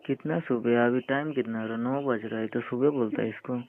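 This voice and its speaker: A man's voice: mid-range voice, steady tone, brisk. Young man teasing on a tinny phone line. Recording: tinny phone call recording with faint hiss.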